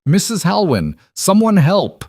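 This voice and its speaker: A man's voice: fairly low pitch, very animated, normal speed, a little mellow, slightly rough, no echo, studio quality. A man voicing a frightened, stubborn young woman in an audiobook, pleading and urgent. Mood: desperate. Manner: pleading, urgent, rising to screams.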